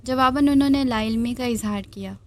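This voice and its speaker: A woman's voice: fairly high pitch, fairly quick. Woman reading a romance novel aloud. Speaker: novel reader.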